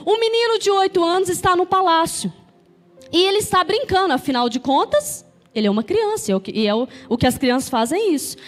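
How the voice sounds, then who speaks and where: A Brazilian woman pastor preaching a sermon, telling a story vividly and calling the congregation to say amen. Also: high-pitched. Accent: Brazilian Portuguese. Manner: storytelling, calls for amens from the congregation.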